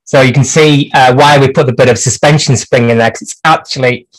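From his workshop bench, a man livestreams clock repairs, chatting through the work with dry jokes and many hesitations. His medium-pitched voice is steady and brisk, though the recording quality is low.

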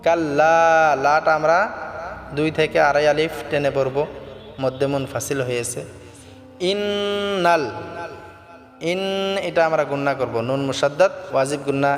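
A man teaching correct Quran recitation, alternating slow melodic chanting with brisk spoken pointers on pronunciation. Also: on the high side, fairly even intonation. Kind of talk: tajweed lesson with chanted recitation. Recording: echoey reverb with faint music.

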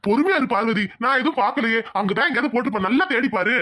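A calm middle-aged husband voiced by a woman soothes his worried wife in a cartoon. He talks quickly, in a slightly high voice. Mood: soothing. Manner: soothing, patient.

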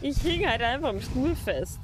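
A woman giving casual commentary as she plays a video game. Her voice is fairly high, with faint game music behind her. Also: animated, normal speed. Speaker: game streamer. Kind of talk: casual let's play commentary.

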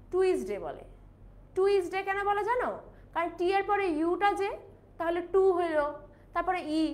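A young woman, teaching pronunciation in a live online class, mixing Bengali with English and slowly drilling each word. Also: very high-pitched.

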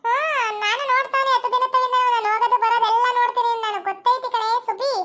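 Picture a bossy village mother with a piercingly high voice and a North Karnataka Kannada accent, as a young woman acts her out in a comedy skit. She fusses over babies, teasing and scolding them in a sing-song coax. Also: fairly even intonation, quick pace, sharp tone, dull audio. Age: young adult.

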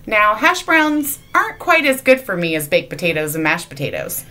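A woman's voice: medium pitch, big pitch swings, normal speed, sharp tone. A woman giving a playful children's object lesson in church, teasing and asking her young audience questions. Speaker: children's sermon leader. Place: church sanctuary.

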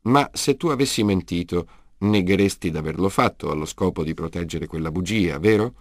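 A man playing a world-weary detective in a storybook reading, low-voiced and dry in tone, pressing with pointed questions. Close, dry sound. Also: animated, normal speed, no echo. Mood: probing. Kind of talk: audiobook character reading.

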